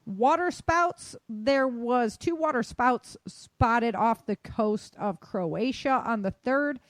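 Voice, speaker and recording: Taking it slowly in a voice on the high side, a podcast host casually chats through news of weather and disasters worldwide in an informal, colloquial way, recorded dry.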